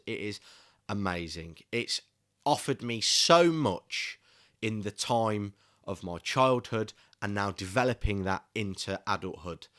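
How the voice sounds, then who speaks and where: Young male film reviewer, lower pitch, passionate and irate. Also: a bit bright. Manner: passionate, increasingly irate ranting. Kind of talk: casual solo video review.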